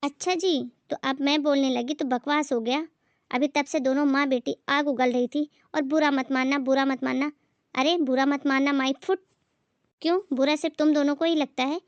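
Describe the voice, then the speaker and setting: A woman's voice: high voice, steady tone, normal speed, no echo, dull audio, natural voice. A woman voicing a patient young daughter-in-law who speaks politely but firmly, in a moral story drama. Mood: indignant. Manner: polite, firm.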